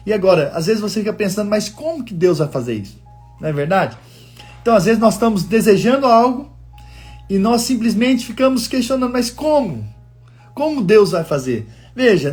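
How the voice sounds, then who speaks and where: Male pastor preaching, higher voice, husky tone, soft music behind, earnest storyteller. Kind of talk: sermon. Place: living in the United States.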